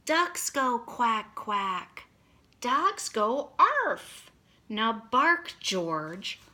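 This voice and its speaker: A woman's voice: fairly high pitch, big pitch swings, drawn-out words, pushed and bright, heavily acted. A woman doing a firm, coaxing mother dog. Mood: firmly coaxing. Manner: firm, pleading, instructive. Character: patient, exasperated mother dog.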